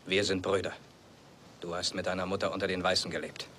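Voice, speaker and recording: An actor playing a solemn Native man who speaks in measured words, in a film dub. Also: deep voice, level tone, fairly bright tone, slight background noise. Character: Native man, grave brother of the hero.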